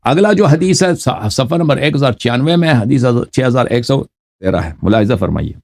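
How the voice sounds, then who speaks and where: A man giving a religious lecture, quoting texts slowly and then explaining them in an argumentative way. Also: medium pitch, expressive, gravelly, a little mellow. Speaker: religious scholar.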